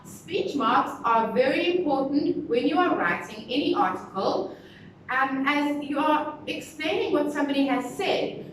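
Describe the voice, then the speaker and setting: A woman teacher giving a recorded lesson to young pupils, speaking slowly and stressing syllables as she teaches new words. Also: high voice, recorded from a distance. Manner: slow, deliberate, stressing syllables. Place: classroom with a board. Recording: very echoey room, voice from the mic, clear background noise.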